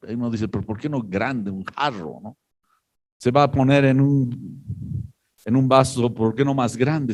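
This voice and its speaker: A man preaching a sermon, telling a story in a slow, halting way with many pauses. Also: medium pitch, a little mellow. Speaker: pastor.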